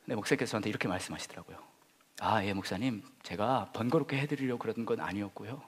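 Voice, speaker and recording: A male pastor giving an Easter sermon. He swings from loud, emphatic lines to soft, whispered confessions. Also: fairly low pitch, racing, breathy edge. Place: church sanctuary. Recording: reverberant hall.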